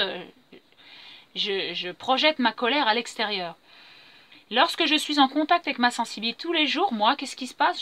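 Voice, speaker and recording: Sharp in tone and fairly high in pitch, a middle-aged woman talks through her feelings in an off-the-cuff spiritual monologue, earnest, repetitive, and self-affirming. She's a vlogger sharing her personal growth, and there's no room sound.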